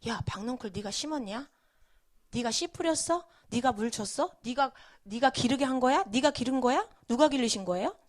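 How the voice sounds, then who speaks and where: A divine voice put on by a woman presses a prophet with one pointed question after another. It is patient but firm in its rebuke, quieter and lower than her teaching voice. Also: animated, normal speed.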